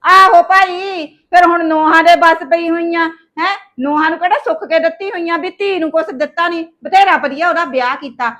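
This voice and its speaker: A nagging middle-aged mother-in-law from a village drama, grumbling about her family, played by a woman. Her voice sits high and she speaks, scolding and complaining at length. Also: fairly even intonation, a little fast, few pauses, bright, forceful tone. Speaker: actor in a short village drama. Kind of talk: scripted village short film acting.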